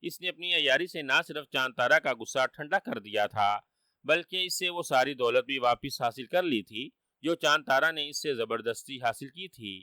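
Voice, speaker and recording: Guy reading a kids' story aloud, bright voice, dry close sound. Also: mid-range voice, no echo. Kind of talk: scripted story narration.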